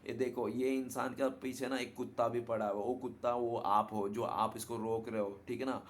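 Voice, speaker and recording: Chatty man giving a flat tarot reading. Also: medium pitch, normal speed, slight background noise. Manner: chatty, repeats "ठीक है ना" as a tag. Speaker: tarot reader. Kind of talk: casual tarot reading to viewers.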